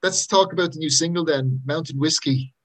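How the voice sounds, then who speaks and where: A man's voice: on the high side, a little fast, low-quality recording. A man interviewing someone in a casual, conversational style.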